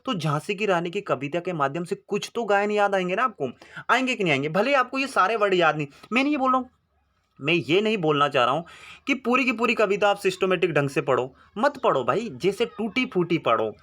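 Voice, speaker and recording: A young male tutor with a bright, slightly high voice. He teaches in a chatty, coaxing way, repeats himself and keeps asking the listener rhetorical questions. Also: expressive, brisk. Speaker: exam-prep tutor and channel host. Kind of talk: informal teaching to camera.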